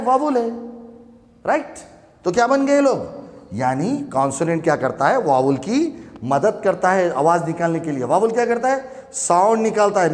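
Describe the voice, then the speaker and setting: A male teacher with a high voice explains grammar to his class. He fires questions at the room, answers them himself and spells words out letter by letter. His voice carries a long echo off the classroom walls. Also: a little mellow. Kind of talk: classroom grammar lesson in mixed Hindi and English.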